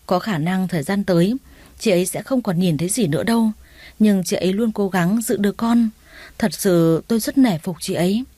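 Casting: a woman reading as an outspoken nurse, blunt and reproachful, mellow dry voice. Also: mid-range voice, a little fast, no echo, natural voice.

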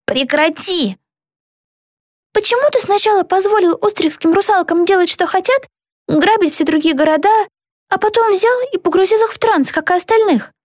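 Stern young mermaid girl, high and sharp, as a woman reads her, dry close sound. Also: lively intonation, fairly quick, few pauses, no room sound. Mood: scolding. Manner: sharp, scolding.

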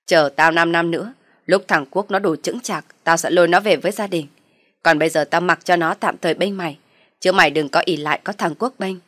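A woman voicing a harsh, scolding older mother-in-law in a storybook reading, loud and berating. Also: lowish voice, brisk, no echo, studio quality, lightly acted. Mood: threatening.

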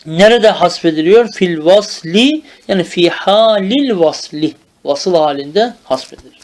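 A man teaches grammar in the old madrasa manner, with a high voice. He speaks slowly and draws out each term. He keeps asking whether the point is understood. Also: expressive. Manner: drills terms slowly, asks checking questions. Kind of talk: traditional madrasa-style grammar lesson.

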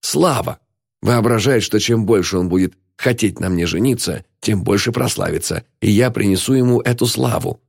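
A man's voice: fairly low pitch, moderate pace, gravelly, darkish tone, husky, dry recording, clean studio sound, pitched above the performer's own voice. A man voicing a frail, frightened old male philosopher in an audiobook, talking in gasping, breathless whispers. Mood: bitter. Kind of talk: audiobook reading.

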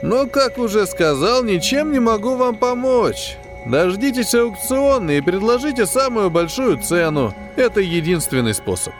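A man reading an audiobook, voicing a plump, smug male space-station quartermaster who talks in a condescending, falsely sympathetic, drawn-out way. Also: sits high, sing-song, over music, pitched above the performer's own voice. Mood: smug, patient. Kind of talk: audiobook character voice.

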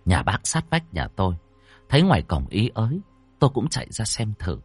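A man's voice: lowish voice, big pitch swings, fairly quick, husky, dry recording, soft background music. A man narrating a ghost story dramatically, voicing each character himself. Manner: dramatic, acting out every character.

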